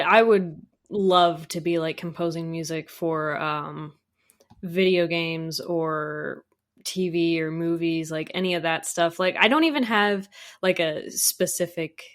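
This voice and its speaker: An audio drama composer chats as a guest on a podcast, her manner enthusiastic and informal. She speaks at a measured pace in a fairly low-pitched voice.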